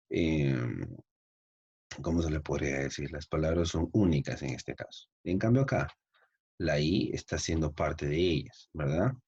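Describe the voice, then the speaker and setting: A male English teacher whose first language is Spanish, drilling pronunciation and repeating words slowly. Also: sits low, a little mellow, slightly rough, highs cut off. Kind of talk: pronunciation lesson.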